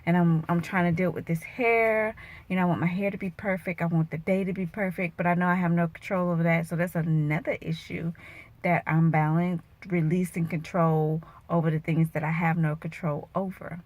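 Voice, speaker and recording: A woman's voice: fairly low pitch, steady tone, brisk, darkish tone, dry recording. A woman in her thirties, an emotional vlogger and bikini competitor, venting earnestly and turning preachy and motivational, her voice wavering at times.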